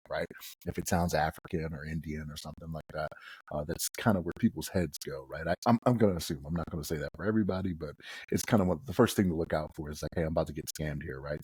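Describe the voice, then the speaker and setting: A man's voice: low-pitched, darkish tone, husky, no room sound. A man co-hosting a podcast, chatting casually and often tagging sentences with "right?". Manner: conversational, frequent "right?" tags. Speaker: co-host.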